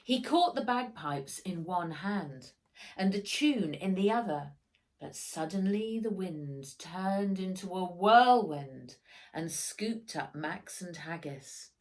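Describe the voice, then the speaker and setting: With a lowish voice and a slow delivery, a woman reads her own children's story aloud, animated and full of dramatic emphasis.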